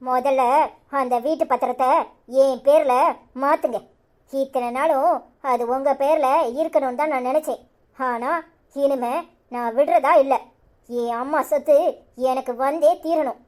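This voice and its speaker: A woman's voice: sits high, steady tone, darkish tone. Woman voicing a stubborn young wife in a cartoon. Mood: commanding. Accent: Tirunelveli Tamil. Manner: accusing, insistent, rapid-fire questions. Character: young married daughter, bitter and stubborn. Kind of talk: cartoon serial voice acting.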